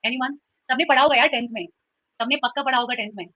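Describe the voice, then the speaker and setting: Lively high-voiced woman teacher, bright tone. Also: fast, no echo. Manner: lively, teasing, mixes Hindi and English. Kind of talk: online grammar class. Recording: dull lo-fi sound.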